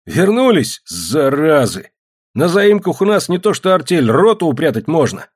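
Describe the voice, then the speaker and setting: Guy putting on a loud rough village man, high-pitched and shouty, husky voice, storybook reading. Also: very animated, moderate pace. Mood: excited loud. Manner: shouting, rustic colloquial speech. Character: excitable rough peasant man, loud and hospitable.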